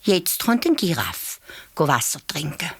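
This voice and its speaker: A woman with a Swiss German accent telling a children's fairy tale in a lively, expressive way. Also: low voice, a little slow, slight background noise. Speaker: storyteller.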